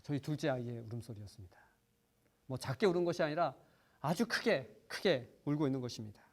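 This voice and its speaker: A man's voice: mid-range voice, lively intonation, brisk. A man preaching a sermon, telling a personal story earnestly, with frequent small fillers and phrases that swell for emphasis.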